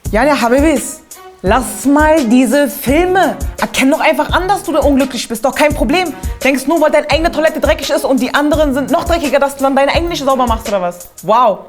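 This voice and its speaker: A woman host riffs through a comedic monologue with a fairly high voice. She is animated and slangy, and her talk is full of asides. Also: brisk, faint music behind. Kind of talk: comedic straight-to-camera monologue.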